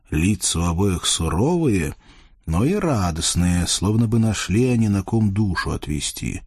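A man's voice: on the low side, darkish tone, slightly rough, dry recording, studio quality. A man narrating a fairy tale in a playful, folksy way, addressing the readers. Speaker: storyteller. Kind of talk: expressive audiobook narration.

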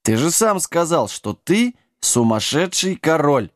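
A man's voice: on the high side, very animated, a little slow, no room sound, clean studio sound, pitched above the performer's own voice. A man voicing a small, timid, drunk bearded male gnome who stammers and slurs. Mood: frightened. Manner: stammering, slurred.

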